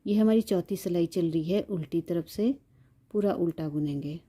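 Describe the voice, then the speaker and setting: A woman with a low, very dark and mellow voice walks viewers through a knitting pattern. She speaks slowly and patiently, repeating steps and counting stitches aloud. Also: breathy edge. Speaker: knitting instructor. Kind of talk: step-by-step knitting tutorial.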